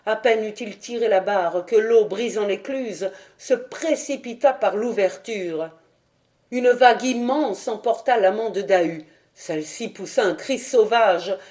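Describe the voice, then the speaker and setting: A woman reading a legend aloud as an audiobook narrator, with dramatic, expressive storytelling. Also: mid-range voice, unhurried. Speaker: audiobook reader.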